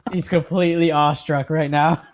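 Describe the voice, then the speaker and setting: Giggly tabletop game player, mid pitch. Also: fairly even intonation, unhurried, lo-fi sound, slight background noise. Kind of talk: casual tabletop game chat.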